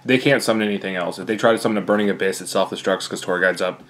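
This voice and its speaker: A man's voice: low-pitched, fairly even intonation, racing, a bit bright. Slightly winded man rambling through his deck. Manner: rambling, many fillers. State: out of breath. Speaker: card game player. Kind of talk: casual deck walkthrough.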